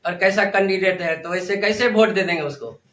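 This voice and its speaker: Bright high village man, blunt. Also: normal speed, roomy sound. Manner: rural dialect, blunt. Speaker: villager interviewed.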